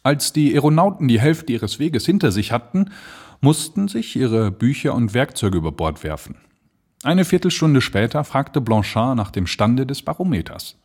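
Husky guy reading a story aloud, really lively up and down. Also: mid-range voice, moderate pace. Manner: expressive storytelling. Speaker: audiobook narrator. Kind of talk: scripted narration.

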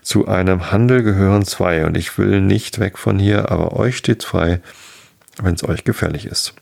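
A man's voice: low-pitched, normal speed, vocal fry, a little mellow, heavily acted. A man voicing a hapless, tipsy countryman in a folk tale, fawning and flowery in his politeness.

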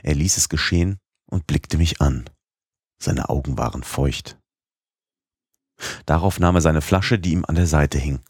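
Reading an audiobook, a man uses his husky, extremely deep voice with measured expression. The sound is close-miked and dry, with no trace of the room.

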